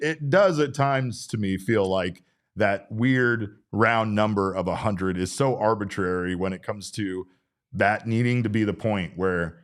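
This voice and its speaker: A man in his forties hosting a casual sports talk show, rambling and breaking off his own sentences. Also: on the low side. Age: 40s. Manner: rambling, self-interrupting. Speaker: podcast host.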